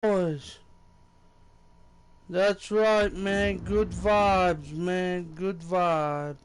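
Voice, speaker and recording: A man's voice: high-pitched, fairly even intonation, very slow, a little hiss or hum. A man with an American accent livestreaming a game in casual, bro-heavy frat-boy slang, hyping himself up as the show's host. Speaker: game streamer, show host. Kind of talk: casual livestream chat while gaming. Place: indoors, air-conditioned room.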